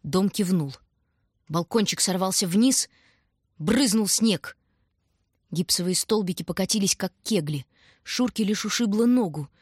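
A woman narrating an audiobook in a measured, even storytelling manner. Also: medium pitch, breathy edge, dry recording, clean studio sound.

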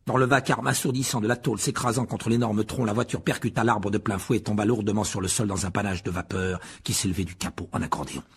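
A man narrating an audiobook with a husky voice, telling the story dramatically and rising with the action. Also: lowish voice, steady tone, quick pace, hardly any pauses. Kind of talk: scripted narration.

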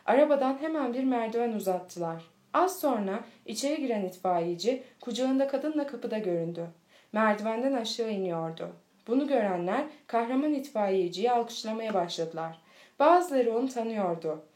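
Woman, storybook reading, steady and clear, fairly high voice, echoey room. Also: normal speed. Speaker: audiobook reader.

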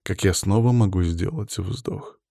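A man narrating a first-person audiobook in a low voice. His reading is quiet and measured, often dropping to a hush. The sound is dry and close, with no room echo. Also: gravelly.

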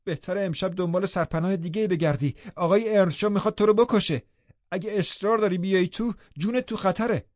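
A man's voice: medium pitch, expressive, no echo, lightly acted. Defiant young woman, man reading her, weary, audiobook figure, muffled recording. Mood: shouting. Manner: weary, then sharp and defiant.

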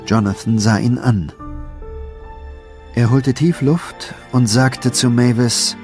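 A man narrating a children's storybook audiobook in an even, lively storytelling tone. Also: medium pitch, takes it slowly. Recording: narration over film music.

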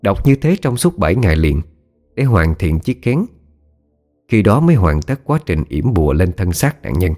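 A man's voice: sits low, sing-song, normal speed, warm tone. A man giving scripted, dramatic narration of a horror story. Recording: faint background music.

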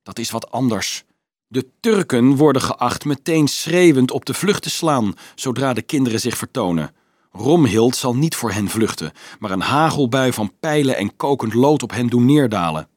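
Casting: level-headed young student, dry wit, lowered voice, from a male reader; close, dry sound. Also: moderate pace, dry recording, lightly acted. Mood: reasoning. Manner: calm, dry, sometimes pleading. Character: calm, mocking young male student, reasoning.

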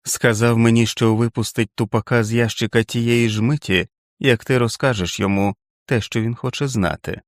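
A man's voice: mid-range voice, steady tone, moderate pace, few pauses, dry recording, clean studio sound, close to an everyday voice. A man voicing a sly older boy, a bully with a silky, taunting voice.

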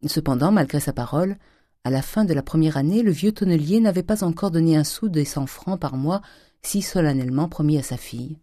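Brief: audiobook narrator, mellow dark voice, dry close recording, steady reading. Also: medium pitch, fairly quick, no echo. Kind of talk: audiobook reading of a classic novel.

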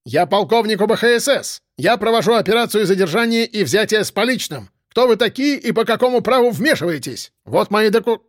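A furious corrupt colonel, as a man acts him out, yelling threats in a raised, strained voice. The pitch jumps around as he barks, and the sound is dry. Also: expressive, a little fast, few pauses, no room sound. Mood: blustering. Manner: shouting, snarling, threatening. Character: furious corrupt male police colonel, snarling.

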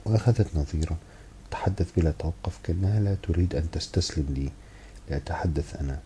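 A man with an Egyptian accent reading a novel aloud in the first person, measured, with wry asides. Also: low voice, warm tone, slight background noise, poor audio. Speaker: audiobook reader.

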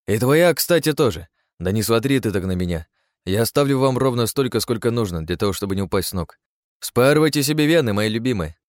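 A man's voice: medium pitch, lively intonation, a little fast, dry recording, studio quality, natural voice. A man voicing a smug, scheming young male hero who gives mocking orders, in an audiobook.

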